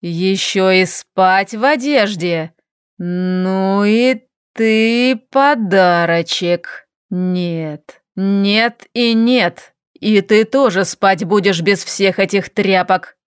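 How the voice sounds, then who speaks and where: Gruff, slow orc ruler, lowered voice, dry close sound, read by a woman. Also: no echo. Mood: domineering. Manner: gruff, bellowing, slow and bossy. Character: brash stubborn male orc ruler. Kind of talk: audiobook character voice.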